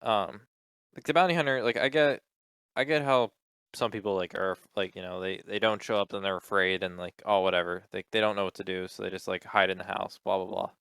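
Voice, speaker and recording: A man's voice: sits low, steady tone, fairly quick, vocal fry, a bit bright, smooth, no room sound, clean studio sound. A man co-hosting a podcast, telling a rambling story in casual chat, acting out quotes and swearing freely. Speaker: podcast co-host.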